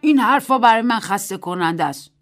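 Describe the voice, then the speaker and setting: A woman's voice: medium pitch, expressive, soft background music, lightly acted. Woman putting on a stubborn old grandmother. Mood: stern. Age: 70s. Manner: sharp, scolding, emphatic outbursts.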